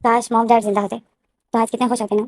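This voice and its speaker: Woman voicing a flustered young dad, protesting, pleading, quick and higher-pitched, storybook retelling. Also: little pitch movement, a little mellow, slight background noise, close to an everyday voice. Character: flustered young man, new parent, embarrassed and defensive.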